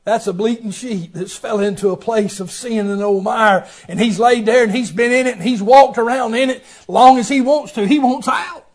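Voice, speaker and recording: A man preaching an impassioned sermon, rising to shouts and dropping to a hush, peppering his lines with "amen" and "boy". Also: very high voice, normal speed, few pauses. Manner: chanting preaching cadence, swings from hushed to shouting.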